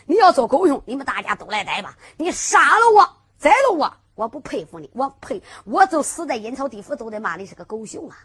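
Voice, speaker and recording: A woman's voice: sits high, sing-song, a little fast, hardly any pauses, a bit bright, slightly rough, exaggerated voice. A woman voicing a boastful, defiant male martial hero in a storytelling performance. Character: bold swaggering male hero, a martial outlaw.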